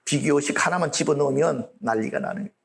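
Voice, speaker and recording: A man's voice: fairly high pitch, fast, gravelly. A male pastor preaching a sermon in a blunt, colloquial way and often asking the audience for agreement.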